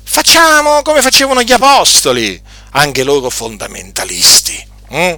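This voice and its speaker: A man's voice: on the high side, animated, moderate pace, pushed and bright, no echo. A man preaching a sermon with impassioned emphasis and frequent rhetorical questions.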